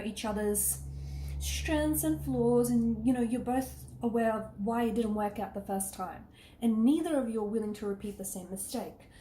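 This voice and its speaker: A woman's voice: on the high side, warm tone, echoey room, slight background noise. A woman giving a casual tarot reading, talking earnestly and reassuringly with lots of "you know" and "okay", her voice a little worn. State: losing her voice. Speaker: tarot reader.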